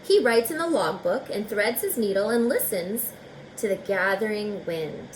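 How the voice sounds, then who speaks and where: Speaking straight to young children, a teacher reads a picture book aloud expressively, adding friendly side comments along the way. Her medium-pitched voice has lively intonation and slow, careful phrasing, though the rough recording carries slight background noise.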